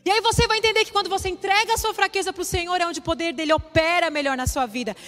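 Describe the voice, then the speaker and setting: A woman with a very high, fast voice preaches a sermon in a church hall, sharing a personal testimony with emotional, emphatic repetition. The hall is reverberant, with soft music playing.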